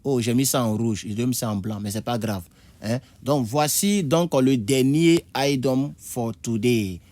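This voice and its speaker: A man teaching English idioms in a video lesson, repeating words and jumping high to act out phrases. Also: unhurried, a little mellow, no echo. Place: indoor room with a board.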